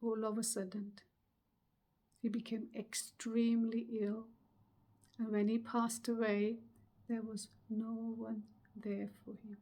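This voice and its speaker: A middle-aged woman delivers a motivational webinar talk in a fairly high voice. She speaks slowly and earnestly, pausing often to let points land. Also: monotone, mellow. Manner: slow, earnest, emphatic delivery with pauses.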